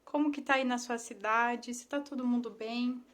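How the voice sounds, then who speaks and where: A Brazilian woman hosts a casual Instagram live stream, warmly greeting viewers by name. She is a ThetaHealing instructor, and her fairly high voice moves at a normal speed with fairly even intonation, picked up by a phone or laptop mic.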